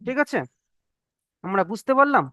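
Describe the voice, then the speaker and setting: High, smooth-voiced man teaching slowly. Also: lively intonation, bright, forceful tone, dry recording, rough recording. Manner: slow, repetitive call-and-repeat teaching. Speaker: Arabic reading teacher. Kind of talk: online class drill. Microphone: online call microphone.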